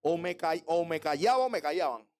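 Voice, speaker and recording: Pastor with a high voice. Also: male voice, animated, fairly quick, darkish tone. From Panama. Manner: humorous preaching with rhetorical questions. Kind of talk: sermon.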